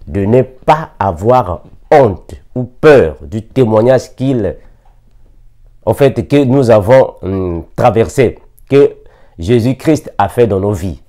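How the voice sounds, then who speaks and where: A man's voice: medium pitch, expressive, takes it slowly, dark tone. A man from Africa preaching a sermon, repeating scripture references and reading verses with emphasis.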